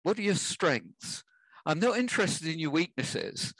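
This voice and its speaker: A man, speaking as an interview guest who offers life advice in a measured, emphatic way. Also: a little high, sing-song, creaky, a bit bright, breathy edge, no room sound, poor audio. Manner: measured, advisory, emphatic at key points. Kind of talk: casual interview.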